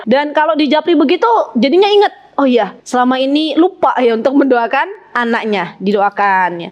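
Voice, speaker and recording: Woman, teacher trainer, high voice, lively lecture, acts out cheerful calls to children. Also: dull audio. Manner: animated, often exclaims Masya Allah.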